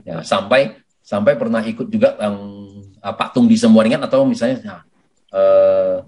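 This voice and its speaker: A man giving a lively sales coaching talk for network marketing, who often addresses his listeners as sir and acts out sales conversations. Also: lowish voice, normal speed. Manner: animated, addresses listeners as "Pak" constantly.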